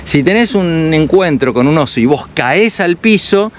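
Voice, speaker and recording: With a fairly high voice and lively intonation, an Argentine travel vlogger reads signs aloud and explains them while walking through a mountain village. His pace is measured, and a little hiss or hum is audible.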